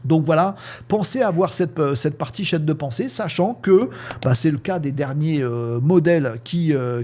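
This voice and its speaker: Lively French-speaking man teaching casually. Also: a little high. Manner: lively, chatty, full of fillers and sound words. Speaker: teacher explaining AI prompting. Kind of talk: casual spoken lesson with screen demo.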